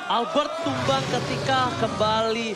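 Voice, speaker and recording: Man, Indonesian accent, very high voice, fighting game announcer style, dramatic esports play-by-play, emphatic, excited. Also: measured pace, a loud crowd. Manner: dramatic, emphatic calls that build into shouting. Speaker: esports shoutcaster.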